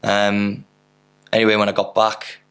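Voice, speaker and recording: A man's voice: fairly low pitch, monotone, measured pace, a bit bright, clear, resonant tone. A man, telling rambling anecdotes in a casual podcast interview, full of fillers and mild swearing. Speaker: podcast guest, footballer.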